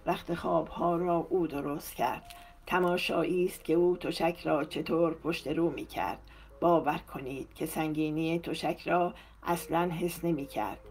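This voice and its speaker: A woman's voice: deep voice, fairly even intonation, gravelly, darkish tone, slight background noise. A woman narrator voicing a talkative female maid in an audiobook, telling her master gossip in an amazed tone. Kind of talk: audiobook character reading.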